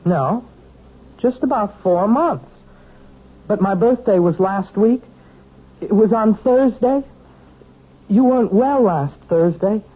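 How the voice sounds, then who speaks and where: An actor playing an earnest young male piano student of twenty in a radio drama, halting yet insistent. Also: high-pitched, slightly rough, exaggerated voice. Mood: sheepish. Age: young adult. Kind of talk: 1970s radio drama acting. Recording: dull lo-fi old radio recording.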